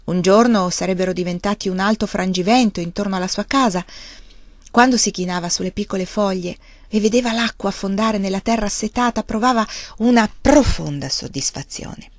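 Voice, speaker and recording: Woman, narrator, novel reading, measured soft delivery, mid pitch, dry close recording. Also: dry recording. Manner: measured, soft, with slowed emphasis.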